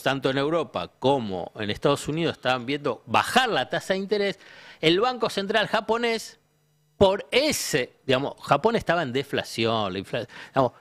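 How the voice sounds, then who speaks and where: Here an Argentine economist, invited onto a talk show, teaches through self-answered questions. He speaks Argentine Spanish in a fairly bright voice of medium pitch.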